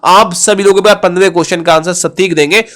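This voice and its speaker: A young man with a fairly high voice walks students through exam questions. He counts syllables out loud and reasons through the answers as he goes, often doubting himself. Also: fairly even intonation, fast. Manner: thinks aloud, second-guesses himself. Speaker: teacher. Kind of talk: exam-prep lesson, counting syllables aloud.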